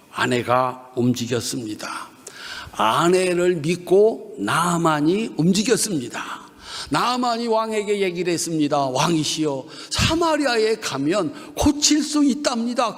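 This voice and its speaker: A man preaching at an evening revival service with a Chungcheong Korean accent, leading the congregation in call-and-response lines. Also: sits high. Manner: animated, leads the congregation in call-and-response repetition. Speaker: guest pastor. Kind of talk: revival sermon. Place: church sanctuary during an evening revival service. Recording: long reverb of a church hall.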